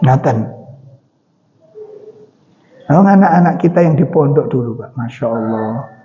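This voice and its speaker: Giving a sermon in a mosque hall, a man with a Javanese accent chats through stories and asks the congregation questions. He speaks a little fast with an animated, mellow, medium-pitched voice, and the audio is dull with long hall reverb.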